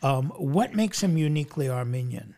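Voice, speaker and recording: Gravelly-voiced male interview host. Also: medium pitch, expressive, normal speed, dark tone. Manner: courteous, with fillers and repetitions. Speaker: radio show host, interviewer. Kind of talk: interview questions.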